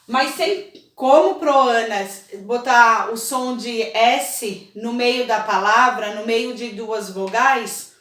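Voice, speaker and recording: A woman teaching a children's spelling lesson, slow and patient, often checking in with her pupils. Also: on the high side, a bit bright. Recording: echoey room, voice a bit far from the mic.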